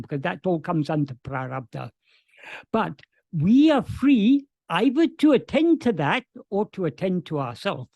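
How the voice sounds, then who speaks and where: This man's voice is high-pitched, creaky, and darkish, heard with no room sound on a video call. Explaining spiritual teachings in answer to questions, he speaks earnestly, with many restarted sentences and stammered starts.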